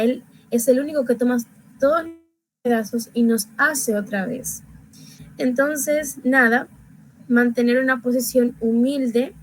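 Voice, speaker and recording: Reflective woman with a higher voice. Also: rough recording. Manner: reflective, reads scripture aloud slowly and deliberately. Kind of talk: casual devotional sharing.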